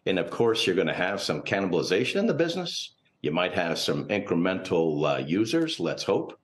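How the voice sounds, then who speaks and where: In a TV interview, a man who manages portfolios and teaches finance appears as a guest analyst, offering unscripted commentary that is cautious and analytical. His voice is deep, with big swings in pitch, and he talks a little fast.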